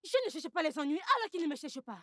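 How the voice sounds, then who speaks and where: Fiery village girl, high voice jumping all over, scolding nonstop, dry close dub. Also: expressive, quick pace, dry recording. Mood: indignant. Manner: shouting, scolding, repeats herself. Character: hot-tempered young village woman, quick to fight. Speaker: dub actress. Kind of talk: dubbed film dialogue.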